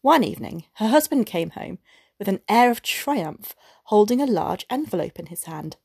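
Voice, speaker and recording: A woman storyteller reading a classic tale in measured, expressive scripted narration. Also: medium pitch, creaky, husky, no room sound, clean studio sound.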